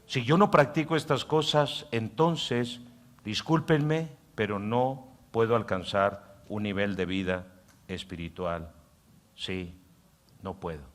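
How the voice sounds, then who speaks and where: A male pastor delivers a sermon in a church. He rises to loud, emphatic lines, then drops to soft, muttered asides. In those asides he puts on the mocking voice of a tempting inner voice. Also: fairly low pitch, slow pace. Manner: acts out the inner voice in quiet mocking tones.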